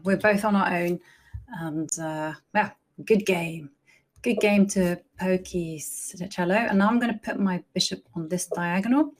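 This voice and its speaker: A woman streaming her chess games, chatting casually and thinking aloud as she plays. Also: lowish voice. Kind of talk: casual live-stream commentary.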